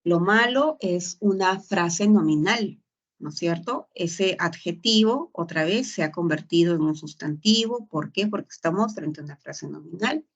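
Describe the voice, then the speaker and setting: A woman's voice: fairly low pitch, expressive, measured pace. A woman teaching a grammar lesson, explaining patiently and checking in with short tag questions. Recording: dull lo-fi sound.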